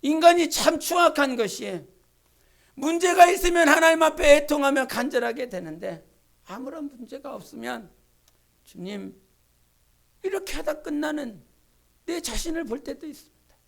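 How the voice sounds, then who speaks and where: A woman pastor preaching a Sunday sermon in a church, swinging from hushed asides to fervent, shouted pleas. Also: sits high, expressive, moderate pace, gravelly, pauses often. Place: church sanctuary.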